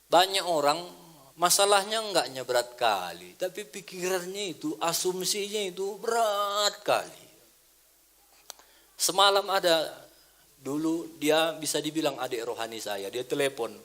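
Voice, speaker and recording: A middle-aged man with a Karo Batak Indonesian accent preaches a sermon to his congregation. His voice sits fairly high for a man, and he tells stories vividly, acting out the dialogue as he goes. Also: a little slow. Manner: animated storytelling, acting out dialogue in a raised voice. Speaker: pastor.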